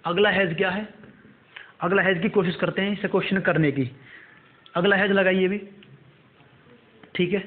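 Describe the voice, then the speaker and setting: Man, high voice, exam coaching teacher, repetitive dictation, tinny phone-like sound. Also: fairly even intonation. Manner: repetitive, drills terms slowly for note-taking. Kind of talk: current affairs class dictation.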